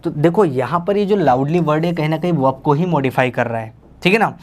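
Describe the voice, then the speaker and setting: A man teaching English grammar, explaining slowly and translating each example sentence, often calling his viewers "bhaiya". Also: fairly high pitch, darkish tone. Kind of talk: Hindi-English grammar lesson.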